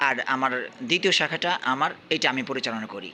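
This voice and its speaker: Guy from bangladesh running a madrasa class, really bright voice, keeps coaxing kids to speak up, bit of hiss behind. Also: mid-range voice, animated, quick pace. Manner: coaxing, repeats questions, urges louder answers. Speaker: madrasa teacher. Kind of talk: classroom quizzing.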